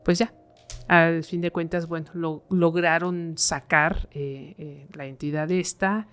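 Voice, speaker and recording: As a guest on a podcast, a woman tells a horror story in a notably low voice, keeping her intonation fairly even and her pace slow. Her delivery is conversational and full of fillers such as "eh" and "este".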